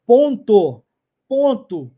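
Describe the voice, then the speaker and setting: A man's voice: very high-pitched, sing-song, drawn-out words, mellow. A man in his forties with a Brazilian Portuguese accent, an English teacher giving an insistent, emphatic video lesson and drilling English phrases by repeating them. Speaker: English teacher and language school founder.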